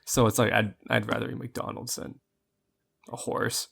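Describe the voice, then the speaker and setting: A man's voice: lowish voice, level tone, moderate pace, vocal fry, fairly bright tone, breathy edge. A young man co-hosting a podcast, chatting casually and telling rambling jokey stories full of restarts. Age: young adult. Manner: rambling, joking storyteller with many restarts. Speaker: podcast co-host. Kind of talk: casual chat.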